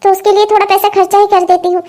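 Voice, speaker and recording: A very high, piping cartoon voice belongs to a greedy young bride-to-be, voiced by a woman. She schemes for a rich household. Her talk is sharp and scornful. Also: little pitch movement. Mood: scheming. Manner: sharp, scornful, quick when arguing. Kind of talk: cartoon voice acting.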